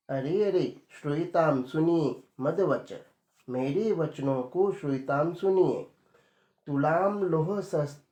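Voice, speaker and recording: Male teacher, slightly high voice, slow deliberate line-by-line lesson, roomy echo. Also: dark tone, dull audio. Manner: slow, reads a line then explains it word by word. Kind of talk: line-by-line Sanskrit lesson explained in Hindi.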